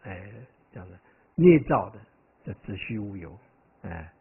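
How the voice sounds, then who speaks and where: Animated male monk lecturing, tinny sound. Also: fairly low pitch, unhurried, creaky, slight background noise. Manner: conversational, keeps asking "right?"; animated, digressive storytelling. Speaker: Buddhist monk teaching. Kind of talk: dharma lecture. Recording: tinny, phone-like lo-fi recording.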